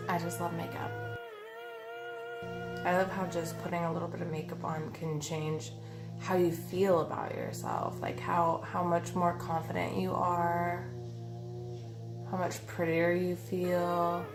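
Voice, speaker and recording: The voice of this woman in her thirties is on the low side, a little slow and barely moving in pitch, and sounds nasal from a cold. As a beauty vlogger she chats through a makeup tutorial indoors by her bedroom window with many ums and uhs. Faint music and a weed eater are audible behind her.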